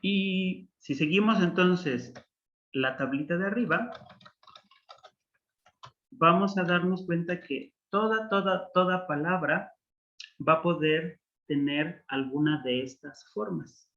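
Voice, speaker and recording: A man's voice: sits high, slow, a bit bright, dull audio. A man teaching a Hebrew class, patiently explaining grammar rules with examples. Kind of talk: online language class.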